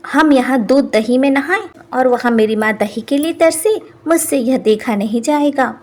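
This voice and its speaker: A woman's voice: high-pitched, normal speed, darkish tone, lightly acted. A woman voicing a stubborn, quarrelsome old village wife who scolds defiantly. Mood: wailing defiant.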